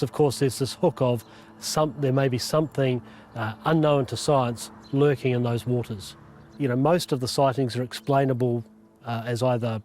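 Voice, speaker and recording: A man with a New Zealand accent explains things as a scientist in an interview. His voice sits at a middle pitch. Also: darkish tone. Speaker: scientist, professor.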